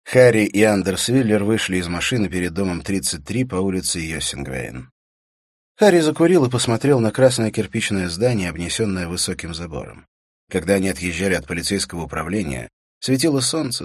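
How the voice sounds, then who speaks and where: A man giving scripted audiobook narration in a measured, steady way. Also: low-pitched, breathy edge, no echo. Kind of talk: scripted narration of a crime novel.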